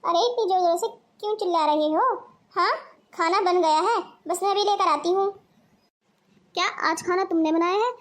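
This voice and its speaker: A woman's voice: extremely high pitch, normal speed. A woman voicing a spoiled, bossy young married daughter in a cartoon. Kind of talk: cartoon voice acting.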